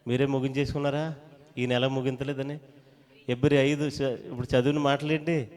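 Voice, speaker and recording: A man preaching a sermon in a church hall. He quizzes his listeners and coaxes answers out of them. He swings between loud calls of praise and soft talk. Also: medium pitch, level tone, normal speed. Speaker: lay preacher. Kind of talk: sermon to a congregation.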